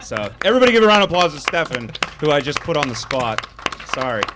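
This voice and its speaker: A man hosting a casual livestream, joking, teasing the others and giving enthusiastic shout-outs. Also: fairly high pitch, big pitch swings, fast, heavy background noise. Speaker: livestream host.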